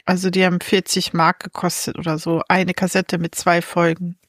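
A woman's voice: fairly low pitch, little pitch movement, moderate pace, no room sound. Woman gushing about comics, chatty, laughs a lot, dry close sound. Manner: chatty, enthusiastic, laughs often, thinks aloud. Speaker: podcast co-host reviewing comics. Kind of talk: casual chat.

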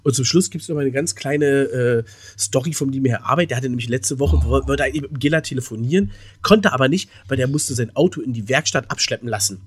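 A man's voice: medium pitch, fast talker, husky. A man co-hosting a casual podcast, telling stories in a rambling way with many fillers and restarts. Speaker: podcast co-host.

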